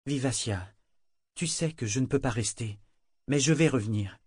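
A young woman sailor speaks calmly, holding her anger in check, as a male narrator reads her. Her lines sit slightly higher than the narration, in a dry, close recording. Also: husky, no echo, lightly acted. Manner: calm, measured.

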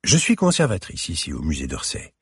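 A man reading aloud, voicing a refined sixty-five-year-old woman curator with a clear, slightly hissing voice and polite, formal manner. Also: low voice, huge pitch swings, brisk, no room sound, studio quality, full character voice. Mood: courteous.

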